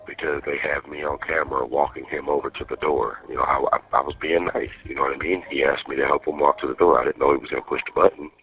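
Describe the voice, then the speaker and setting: Very deep gravelly man on a prison phone. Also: steady tone, fast, few pauses. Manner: streetwise, profane, slangy storytelling. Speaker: jail inmate calling partner. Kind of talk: casual private phone chat from jail. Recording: muffled lo-fi prison phone call.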